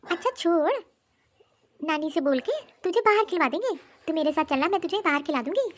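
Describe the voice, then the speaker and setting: A woman voicing a caring young mother who talks in a coaxing, reassuring way, for an animated story. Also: very high voice, brisk, slight background noise, pitched below the performer's own voice. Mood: soothing, worried. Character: caring young mother, soothing her daughter.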